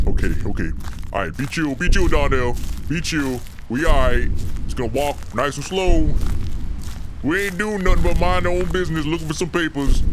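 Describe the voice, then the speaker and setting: A man's voice: mid-range voice, noisy background. A young man playing a horror game, talking to himself, humming nervously and joking while he gets scared. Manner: talks to himself, hums nervously, jokey and jumpy. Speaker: let's play gamer. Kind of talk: horror game let's play commentary.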